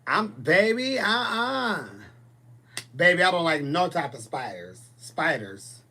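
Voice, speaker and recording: During a casual live chat, a man in his forties reads viewer comments and responds in a blunt, sassy way. His voice is a little high and bright with a forceful tone, and it has big pitch swings as he takes things slowly.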